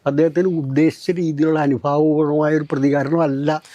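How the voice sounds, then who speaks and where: A man hosting a political discussion, explaining at length in a measured way. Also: fairly high pitch, little pitch movement, mellow, dry recording, highs cut off. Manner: measured and explanatory, with long recounting turns. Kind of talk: political analysis talk.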